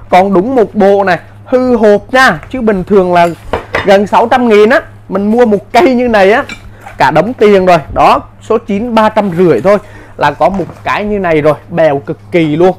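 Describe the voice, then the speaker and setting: A man giving an insistent hard-sell live sales pitch as a seller, in short, repetitive bursts. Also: fairly quick. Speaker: live-sale seller of power tools.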